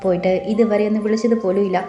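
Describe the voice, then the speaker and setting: A woman voicing an eager young woman, naive but sharp-tongued when crossed, in an audio story. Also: medium pitch, steady tone, racing, muffled recording, close to an everyday voice. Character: young woman, lively, naive, quick to bristle. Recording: roomy with faint music.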